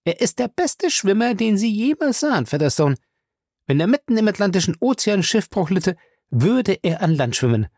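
Ein Mann spricht eine hitzige, empörte junge Ehefrau in einer Hörbuchlesung, mit hoher, schneller, schriller Stimme. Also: male voice, sing-song, darkish tone, dry recording, clean studio sound. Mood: proud. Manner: high, fast, shrill outbursts. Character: Fay, a fiery, indignant young wife.

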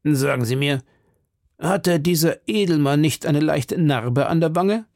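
Guy doing a gravelly stern old captain, slow and lecturing, dry sound. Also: on the high side, darkish tone, no echo, voice pushed up. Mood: probing. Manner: measured, lecturing, drops to murmurs. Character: stern shrewd older male captain of musketeers. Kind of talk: audiobook reading.

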